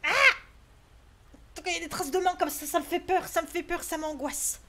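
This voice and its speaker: A woman streams a horror game in a bright, high voice. She talks in jumpy, anxious bursts, swearing and exclaiming as she goes, pleading for it all to stop. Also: steady tone, quick pace. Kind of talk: live gaming commentary.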